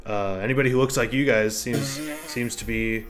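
An ancient talking mushroom from a fantasy tabletop game, acted out by a man, with a gruff voice. It is friendly and welcoming, rambling along in a halting, folksy way. Music plays behind it. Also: lowish voice, fairly even intonation, a bit bright, natural voice. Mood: welcoming, earnest.

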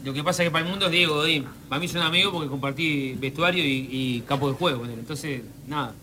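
A Uruguayan man on a comedy panel, telling rambling stories and circling back on his words. His voice sits high and the talk runs fast. Clear background noise sits under the recording. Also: sharp tone. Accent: Uruguayan Spanish. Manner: rambling storyteller, repeats himself. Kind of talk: casual banter.

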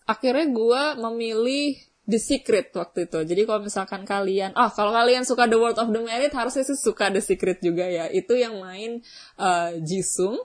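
A young woman, hosting a vlog and chatting casually with viewers, telling a story in a slangy, animated way. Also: on the high side, moderate pace. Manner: chatty storytelling, slangy Jakarta-style, animated when excited. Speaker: vlog host.

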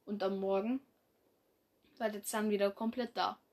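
A woman's voice: medium pitch, steady tone, moderate pace, darkish tone. A young woman reading her own fan story aloud in a casual way, with slips and restarts as she goes.

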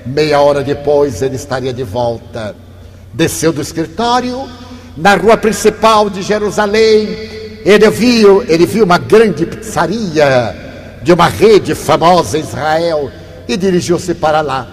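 An older man lectures like a storyteller, dropping to a hush and then rising again. His voice sits fairly high for a man, and a long hall reverb hangs behind it over a faint hum. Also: a little slow. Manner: warm storytelling, shifts from hushed to animated. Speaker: spiritist lecturer.

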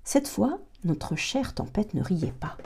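A woman reading a novel aloud, slow and dramatic, sinking into a breathy hush in tense passages and stumbling and correcting herself now and then. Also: mid-range voice, very animated. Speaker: reader of a novel.

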